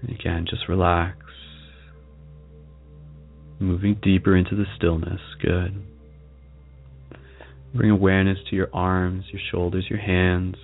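Male meditation guide: low, gravelly voice, soft and soothing, leaving long pauses, over music. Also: little pitch movement, phone-quality sound. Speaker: meditation guide, show host.

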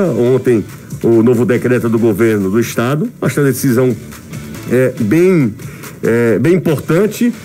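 A man's voice: on the high side, dark tone. A man hosting casual sports radio talk, his voice muffled because he speaks through a face mask. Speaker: sports radio show host. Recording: studio mic muffled by mask, music bed.

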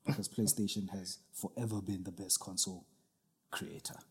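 A man's voice: low voice, flat delivery, moderate pace, husky. A South African man co-hosting a podcast, chatting casually and rambling with restarts. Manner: rambling, restarts with filler words. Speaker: podcast co-host.

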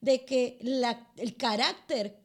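A woman's voice: a little high, fairly even intonation, slow. A woman hosting a faith talk show, affirming her guest and reflecting back on what she said.

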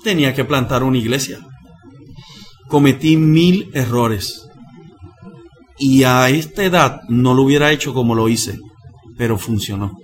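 A man, a missionary pastor who tells his story in a lively, dramatic way and slows down for the lines he quotes. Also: mid-range voice. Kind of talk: animated personal storytelling.

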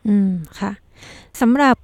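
A woman's voice: unhurried, a little mellow, no echo. A woman hosting a conversational interview, asking long questions politely. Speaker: interviewer, host.

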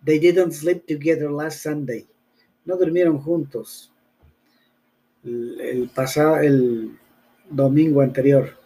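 A man's voice: medium pitch, slow, long pauses, mellow. A man whose first language is Spanish, teaching a bilingual English lesson, drilling phrases patiently and spelling words letter by letter.

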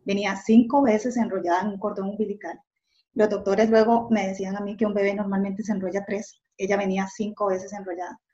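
A woman's voice: medium pitch, level tone, fairly quick, warm tone. A middle-aged woman telling her story earnestly, often ending phrases with a tag question. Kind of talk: personal testimony. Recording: dull lo-fi sound.

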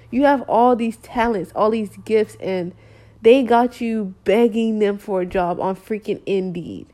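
Young woman, frustrated casual rant, slangy, mellow dark tone. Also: fairly high pitch. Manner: slangy, exasperated, emphatic. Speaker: vlogger.

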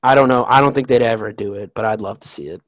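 A man chats on a podcast as an eager fan, tumbling through explanations and restarting his sentences. His voice sits at a middle pitch. The recording is dry and close, with no room sound. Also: fast talker, dry recording, poor audio. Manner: rambling, excitable fan talk with many restarts. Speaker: podcast co-host. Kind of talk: casual chat.

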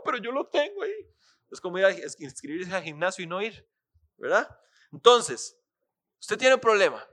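A man preaching a sermon, animated and asking listeners questions. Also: a little high. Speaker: pastor.

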